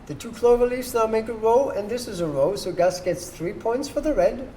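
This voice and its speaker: A host at a table patiently teaches board game rules and checks that the players keep up. The mid-range voice is warm and at normal speed, recorded in a noisy room with background ambience.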